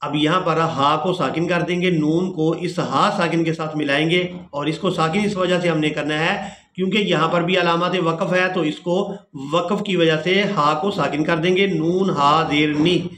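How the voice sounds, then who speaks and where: A man teaching tajweed, spelling out letters and vowel marks, then chanting each verse slowly and melodically. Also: fairly high pitch, fairly even intonation, a bit bright, slight background noise. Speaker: Quran recitation teacher. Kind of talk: tajweed lesson with chanted recitation. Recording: echoey room.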